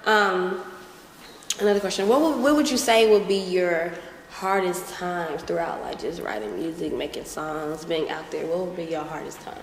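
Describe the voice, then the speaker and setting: Relaxed young woman hosting an interview. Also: fairly low pitch, moderate pace, a little hiss or hum. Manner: friendly and relaxed, asks questions with fillers. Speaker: interview host. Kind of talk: casual interview. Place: lounge with large windows, indoors. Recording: echoey room with music behind.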